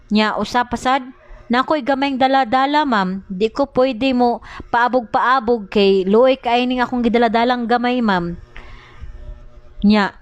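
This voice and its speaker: A woman's voice: on the high side, no room sound. A young woman with a Cebuano accent, chatting casually as a mother vlogging, complaining and mimicking others. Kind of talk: casual vlog chat.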